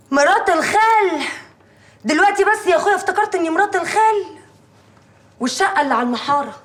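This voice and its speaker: An actress playing a wounded, indignant young woman with an Egyptian accent, talking in a shrill, rapid, reproachful way. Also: a bit bright, lightly acted. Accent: Egyptian Arabic. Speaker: jilted fiancée. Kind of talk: TV drama acting.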